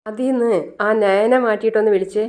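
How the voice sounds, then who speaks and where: A woman voicing a playful, teasing young woman, raising her voice high and keeping it lively. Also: fairly quick, natural voice.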